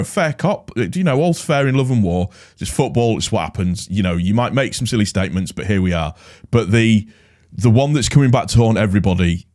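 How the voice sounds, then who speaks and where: A man with a fairly low, darkish voice, stuffy from a cold, rambles casually through a solo vlog on his football fan channel. He's chatty and rambling, turning exasperated as he mocks rival fans.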